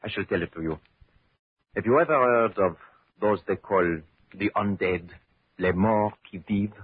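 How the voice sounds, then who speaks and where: An actor playing a genial French gentleman with a French accent, speaking in a courteous, measured way in an old radio drama. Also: lowish voice, a little hiss or hum. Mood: storytelling. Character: genial middle-aged French mayor's son, storyteller. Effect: old radio show. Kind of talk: 1940s radio drama acting. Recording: thin, phone-like old radio broadcast.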